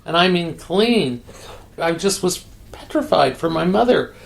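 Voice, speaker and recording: A woman's voice: lowish voice, unhurried, vocal fry. An older woman being interviewed, telling a story candidly and acting out the quoted dialogue. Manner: animated, acts out quoted dialogue.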